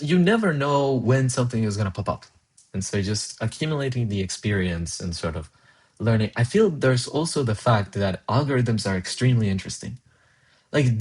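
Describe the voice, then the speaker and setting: A young adult livestreaming programmer from Colombia, whose first language is Spanish, chats casually while coding, his voice medium-pitched and slightly rough. He rambles and thinks aloud with plenty of fillers and restarts, laughs often and reads his chat aloud.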